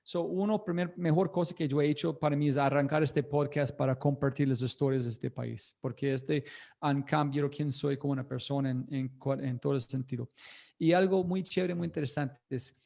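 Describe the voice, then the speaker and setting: Energetic man in halting Spanish. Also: fairly high pitch, vocal fry. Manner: energetic, enthusiastic; halting non-native Spanish. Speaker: interview guest, podcaster. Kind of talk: livestreamed interview talk.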